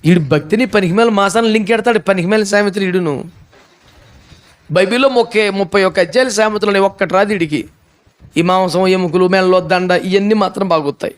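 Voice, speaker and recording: Male pastor, sermon, high voice, animated storytelling, mocking rhetorical questions. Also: brisk. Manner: animated storytelling, acting out characters.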